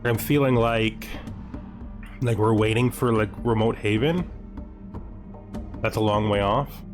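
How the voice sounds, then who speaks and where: Speaking at a measured pace in a lowish voice, this gameplay host comments casually on his game while faint music plays. He thinks aloud, asking himself questions as he considers his options.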